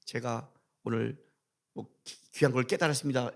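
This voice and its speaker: A male pastor preaching a sermon, telling stories with blunt humor and mock curses, swinging between quiet asides and loud outbursts. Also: medium pitch, fairly even intonation, moderate pace, vocal fry.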